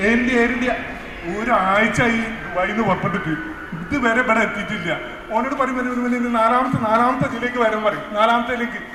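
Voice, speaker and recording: Playing a pompous, commanding senior air traffic officer, a skit actor with a Malabar Malayalam accent boasts and stumbles over repeated words on a comedy stage. He talks fairly quickly in a very high-pitched voice that keeps a steady tone. Faint noise and hall echo come through from the large venue.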